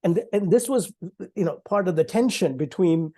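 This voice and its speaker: On an online panel, a man in his sixties from Sri Lanka speaks casually, often restarting sentences and using fillers while laughing a little. His mellow voice sits high, with lively intonation and a moderate pace.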